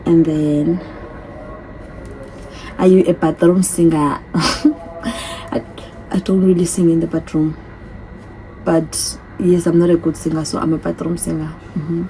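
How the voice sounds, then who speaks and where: Recorded roughly on a phone with soft music underneath, a woman in her thirties from another continent works through a casual Q&A list, reading each question and repeating her answers. Her lowish, warm voice is flat and measured, with long pauses.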